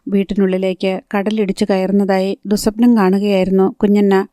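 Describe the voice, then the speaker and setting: A woman narrating a novel as an audiobook, in a steady, even storytelling read. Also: mid-range voice, moderate pace, no echo, studio quality.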